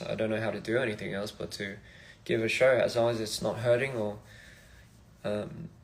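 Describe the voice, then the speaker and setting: A young man from Australia chatting casually on a phone livestream, soft-spoken and reflective, drifting between thoughts. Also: mid-range voice. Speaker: musician livestream host.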